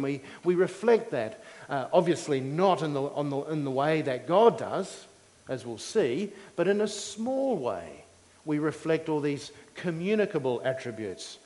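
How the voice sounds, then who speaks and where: Long hall reverb, man, preacher, teaching sermon, fairly high voice, measured, simple didactic phrasing. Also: a little mellow.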